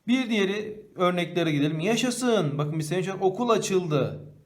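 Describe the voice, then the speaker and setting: A man teaching a primary school grammar lesson. He asks the class questions and then answers them himself, and he slows down to read the example sentences aloud. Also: sits high, animated. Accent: Turkish.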